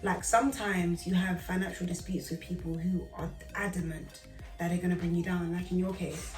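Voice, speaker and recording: A woman's voice: lowish voice, fairly even intonation, brisk, a little mellow, soft background music. A woman, giving emphatic advice in a casual chat. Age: 30s. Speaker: guest. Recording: roomy and distant from the mic.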